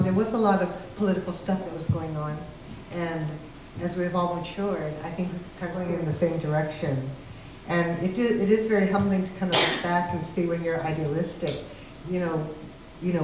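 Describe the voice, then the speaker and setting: A woman's voice: lowish voice, darkish tone. An older woman giving an informal speech at a community forum into a handheld microphone. She talks animatedly, laughs often and restarts her sentences. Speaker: invited speaker at a community forum. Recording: very echoey hall, faint noise.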